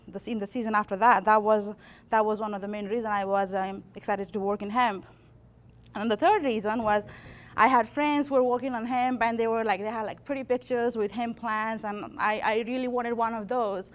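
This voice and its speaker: A woman's voice: medium pitch, steady tone, normal speed. A woman, an extension plant pathologist from Nepal giving a workshop talk with dry self-deprecating humor and frequent restarts. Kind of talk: workshop presentation.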